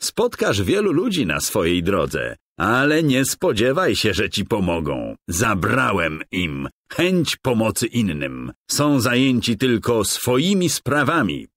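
A man voicing a sly, treasure-hoarding male lord of darkness in a children's game, speaking slowly and mockingly. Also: on the low side, wildly swooping pitch, fairly bright tone, voice pushed up, heavily acted. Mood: gloating. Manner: mocking, gloating, slow and drawn out.

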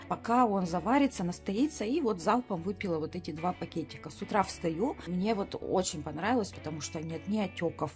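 A woman's voice: lowish voice, darkish tone. A woman in her late thirties chatting enthusiastically as she reviews herbal teas at a table, filmed from above. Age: 30s. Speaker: product reviewer. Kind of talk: casual product review. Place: bright room at a table.

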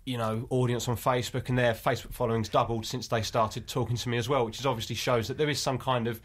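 Fast-talking jokey man from Essex. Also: medium pitch, level tone. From Essex, England. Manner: jokey, rambling, self-mocking. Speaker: guest, spoof news writer. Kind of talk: casual interview chat.

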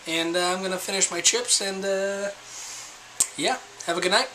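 Bright-voiced young man rambling to camera. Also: high voice, moderate pace, slight background noise, low-quality recording. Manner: rambling, self-deprecating. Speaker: vlogger. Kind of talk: casual chat to camera. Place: small room indoors.

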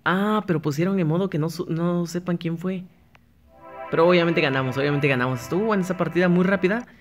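Over music, a high-pitched, fast-talking gaming YouTuber casually comments on his play. He chats with himself and his viewers and keeps restarting sentences.

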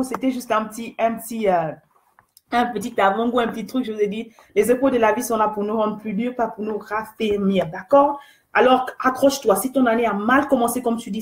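A woman's voice: mid-range voice, a little mellow, roomy sound. A woman hosting a live faith talk, earnest and exhortative, repeating key phrases and greeting viewers by name. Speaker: host of an online faith talk show.

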